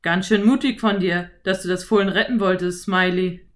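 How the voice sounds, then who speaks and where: A woman voicing a lanky, friendly male cowboy in an audiobook, speaking loudly with an easy, self-assured drawl. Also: on the low side, fairly even intonation, normal speed, lightly acted. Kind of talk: audiobook character voice.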